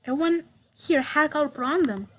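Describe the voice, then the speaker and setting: A young woman streaming a game, reading its dialogue aloud and commenting, stammering and repeating words, with sudden excited bursts. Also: high voice, quick pace. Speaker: gameplay streamer. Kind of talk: reading visual novel text aloud with commentary.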